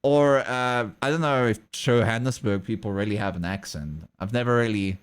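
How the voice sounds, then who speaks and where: A South African streamer and artist with a lowish, clear, resonant voice speaks at a moderate pace. He has a South African English accent mixed with Australian and American, rambling casually with viewers, frequently chuckling and replying to the chat.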